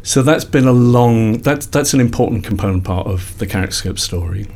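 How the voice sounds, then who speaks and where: A man's voice: on the low side, a little fast, vocal fry, a little mellow. A man in his sixties from Liverpool, a psychologist guest telling his career story in a reflective, rambling way with many self-corrections. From Liverpool, England. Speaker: guest, company founder and psychologist. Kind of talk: casual interview conversation.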